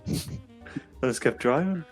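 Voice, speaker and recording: A young man with a mid-range, expressive voice speaks slowly as he co-hosts a casual podcast. He tells laughter-filled stories, acting out quotes loudly, with faint music in the background.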